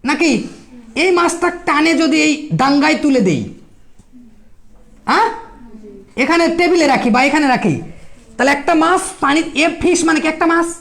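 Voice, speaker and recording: A woman with a Bangladeshi Bengali accent teaching English at a coaching class, firing quick rhetorical questions at her students. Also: high-pitched, a bit bright. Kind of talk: classroom lecture.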